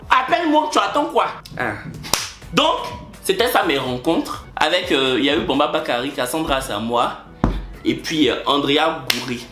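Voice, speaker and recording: A man with an Ivorian French accent, speaking as a vlogger. His pitch swings widely as he tells stories in a playful, theatrical way. The room adds a clear echo, and soft music plays underneath. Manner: playful, theatrical, laughs often. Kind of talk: casual storytelling to camera. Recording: roomy sound with faint music.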